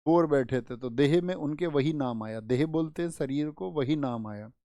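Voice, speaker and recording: A male exam-prep teacher giving an online lesson, asking students quick questions and teaching memory tricks with little stories. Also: fairly high pitch, dark tone, no echo.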